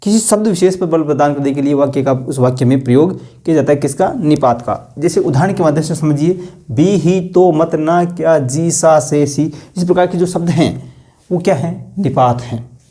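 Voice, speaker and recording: A man's voice: on the high side, moderate pace, mellow. A man teaching a Hindi grammar lesson online, explaining with rhetorical questions and repeating stressed example sentences.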